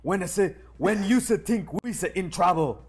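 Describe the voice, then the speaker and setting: A man voicing a clumsy, panicky, goofy alien sidekick in halting broken speech during a comic script read. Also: high voice, breathy edge. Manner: halting, drawn-out broken grammar.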